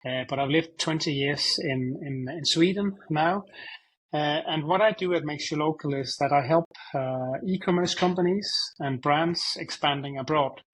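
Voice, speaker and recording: A man's voice: on the high side, normal speed, a bit bright, slightly rough, poor audio. A man from Denmark, a guest expert answering interview questions in a hesitant, word-repeating way. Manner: hesitant, repeats words while thinking. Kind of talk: conversational interview.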